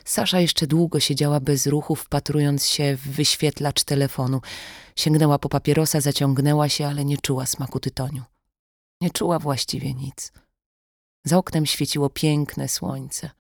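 A narrator with a mid-range pitch reads a thriller in a measured, steady way. The recording is dry and close, with no room around it. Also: no echo. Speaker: audiobook narrator.

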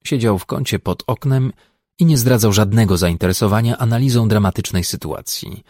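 A man narrating an audiobook in a wry, even storytelling manner. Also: fairly low pitch, brisk, dry recording, clean studio sound.

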